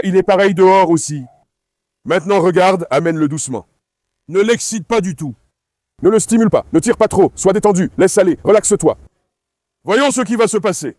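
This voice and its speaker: This dog channel host has a high, darkish voice, recorded with no room sound. Out at an industrial site, he casually coaxes his dogs and keeps repeating instructions to a helper.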